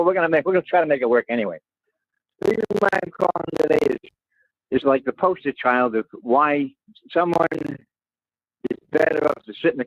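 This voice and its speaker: A man calls in to a talk radio show by phone, speaking bluntly and often repeating words. His voice is mid-range, with no room sound, over a muffled phone line.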